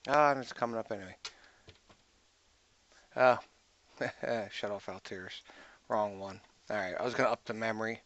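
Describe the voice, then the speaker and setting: A man's voice: on the low side, moderate pace, long pauses, a bit bright, dull audio. A man giving a casual screen-recorded tech walkthrough, thinking aloud and muttering to himself as he clicks. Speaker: IT tutorial host.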